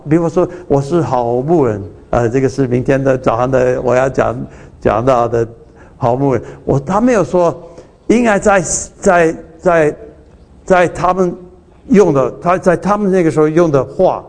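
Higher-voiced man preaching conversationally. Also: a little mellow. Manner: conversational, with many restarts and rhetorical questions; slips English phrases into the talk. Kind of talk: sermon.

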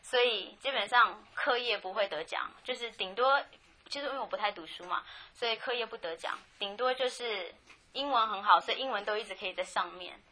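Taiwanese woman telling her story, frank and chatty, talks fast, crisp bright voice. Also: medium pitch. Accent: Taiwanese Mandarin. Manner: chatty, frank, quick storytelling with many restarts. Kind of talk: personal testimony, casual storytelling.

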